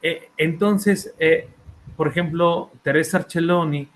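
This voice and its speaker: A man with a Mexican Spanish accent, an author and therapist, presents his book in an academic talk, often hesitating with fillers and repeated words and checking in with listeners. His voice is fairly high and a little slow, with a slight hiss or hum in the audio.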